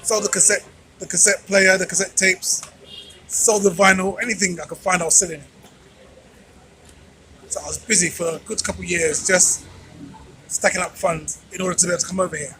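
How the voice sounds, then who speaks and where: A man's voice: high-pitched, steady tone, brisk, long pauses, pushed and bright, slight background noise, low-quality recording. A man vlogging informally to his viewers, speaking emphatically like a preacher and repeating phrases for effect. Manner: emphatic, preacher-like address with rhetorical repetition. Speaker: vlogger and channel host. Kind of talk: informal motivational monologue to viewers. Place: out on a street at night.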